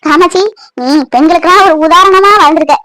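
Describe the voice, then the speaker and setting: Woman doing a gentle older cartoon mother-in-law, high-pitched, dry and close. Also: fast talker, dry recording. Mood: consoling. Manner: soothing, consoling, blessing. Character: elderly mother-in-law, tender and blessing. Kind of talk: Tamil cartoon voice acting.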